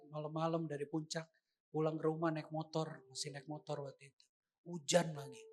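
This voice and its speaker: A man preaching a sermon, telling a personal story with acted quotes and lively delivery. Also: a little high. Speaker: pastor.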